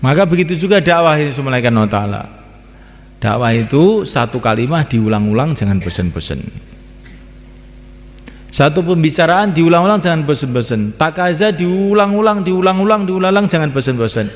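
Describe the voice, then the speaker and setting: A man's voice: fairly high pitch, lively intonation, a little fast. A man from Indonesia, preaching to a gathering and repeating his phrases again and again. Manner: repeats phrases, sings call-to-prayer lines. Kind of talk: religious talk to a gathering. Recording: long hall reverb.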